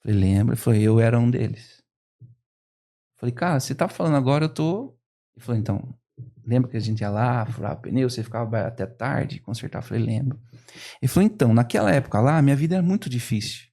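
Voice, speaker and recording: A man, a guest on a podcast, retelling a story with lively quoted dialogue. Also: medium pitch, fast. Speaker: business owner guest.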